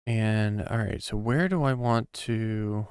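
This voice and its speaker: A man talks his way through a live coding session, slow and unhurried, in a smooth, clear voice that sits a little low. He muses aloud in a halting way, trailing off into ums and long pauses as he works. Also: darkish tone, dry recording, clean studio sound. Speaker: programmer streaming a coding session.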